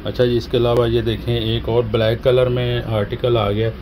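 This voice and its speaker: A man hosting a clothing shop video, asking about each outfit and repeating the answers back with quick praise. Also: mid-range voice, flat delivery, a little mellow, slight background noise, low-quality recording. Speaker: shopping vlog host. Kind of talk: casual shop interview.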